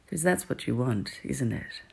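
Woman whispering real slow, super breathy and raspy, teasing murmurs. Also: rumbling low, expressive, darkish tone. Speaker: audio roleplay performer. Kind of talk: intimate whispered roleplay audio.

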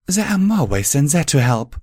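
A man voicing a refined, polite female unicorn healer in a higher, careful voice. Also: big pitch swings, moderate pace, slightly rough, no echo, studio quality. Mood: composed. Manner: polite, precise, gently raised voice.

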